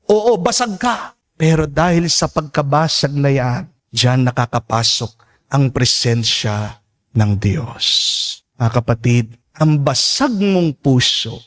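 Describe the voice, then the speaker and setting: A man, a priest delivering a sermon and calling on the congregation for responses. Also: on the high side.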